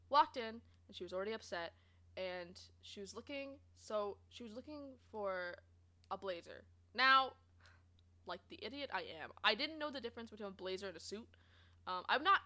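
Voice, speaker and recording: A young woman streamer casually telling a story about her old job, chatty and animated, laughing often and saying "like" a lot. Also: on the high side.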